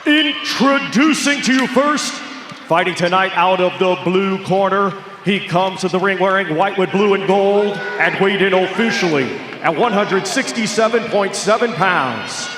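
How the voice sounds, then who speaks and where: Booming high-pitched man, lucha libre style ring announcer. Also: a little slow. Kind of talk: formal ring introductions to the crowd. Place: large indoor boxing arena. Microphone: ring announcer's microphone over PA. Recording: echoey arena PA, loud crowd noise.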